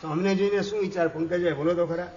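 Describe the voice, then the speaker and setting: A man's voice: high-pitched, steady tone, fast, darkish tone, dull audio. A man, a monk, giving a sermon and quizzing listeners by name. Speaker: Jain monk.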